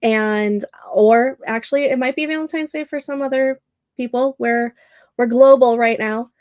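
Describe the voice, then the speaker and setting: Chatty and quick to laugh, a woman in her thirties reads her livestream chat aloud in a nasal, congested voice. It's fairly high-pitched and a little mellow, with fairly even intonation and a moderate pace, in studio quality with no room sound.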